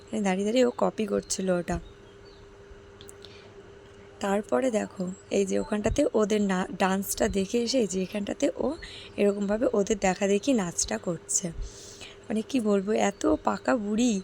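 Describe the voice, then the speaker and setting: A woman with a hoarse, gravelly voice narrates her vlog in a chatty way, speaking directly to the people watching. Her tone is dark and mellow, and a faint background noise sits behind her. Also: mid-range voice, steady tone, moderate pace, long pauses. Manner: chatty, addresses viewers directly. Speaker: vlogger. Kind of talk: casual vlog voice-over narration.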